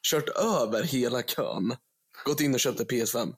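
A man's voice: mid-range voice, husky. En ung man från Sverige som programledare i en podcast, pratar livligt och skämtsamt med svordomar. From Sweden. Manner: animated, joking, swearing storyteller. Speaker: podcast host. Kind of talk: casual chat.

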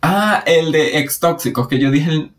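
A man with a Venezuelan accent co-hosting a casual podcast chat, animated and dramatic as he acts out the voices he quotes. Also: a little high, unhurried. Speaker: podcast co-host.

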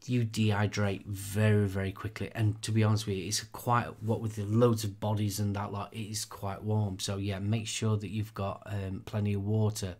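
A man's voice: on the low side, level tone, moderate pace, few pauses, a little mellow. Chatty man giving tips. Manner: chatty, laughs often, gives practical tips. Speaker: co-host. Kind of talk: casual podcast chat.

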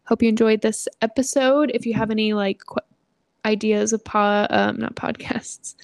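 A playful young woman co-hosting a podcast, tossing out jokes and quick asides. Her voice is slightly high with a gravelly fry, recorded close and dry. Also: steady tone, no echo. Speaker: podcast co-host. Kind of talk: casual chat.

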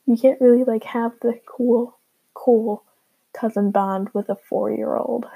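A teenage girl chatting casually and hesitantly as a beginner solo podcast host, with lots of filler words, recorded on a low-quality earbud microphone. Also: steady tone, measured pace, creaky, dark tone, slightly rough. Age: teenager, fifteen. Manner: informal, hesitant, heavy filler "like".

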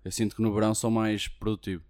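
A man's voice: on the low side, flat delivery, fast talker, darkish tone. A young man with a European Portuguese accent talking casually as a podcast co-host, slangy and restarting his phrases. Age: young adult. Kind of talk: casual podcast chat among friends.

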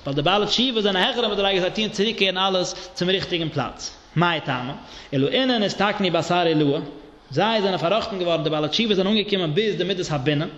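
Bright-voiced rabbi in an echoing hall. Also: male voice, high-pitched, fast talker. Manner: singsong study chant, mixing Hebrew and Aramaic terms. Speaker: rabbi teaching a Talmud class. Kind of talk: Yiddish Talmud lecture. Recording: echoey dull lo-fi hall recording.

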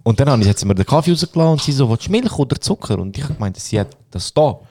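This time the young Swiss German-accented co-host talks rapid-fire, his medium-pitched voice a little mellow and lively in intonation, with slight background noise. He trades casual stories, performs quotes and laughs a lot.

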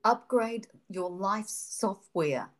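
This podcast host is a woman from New Zealand who speaks with a New Zealand accent. Her mid-range voice is animated yet slow as she interviews her guest, putting questions eagerly and effusively.

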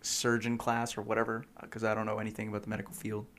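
A man's voice: fairly low pitch, monotone, fast talker, a bit bright, slight background noise. A young man co-hosting a casual podcast, rambling through his stories with lots of fillers and laughing as he tells them. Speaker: podcast co-host.

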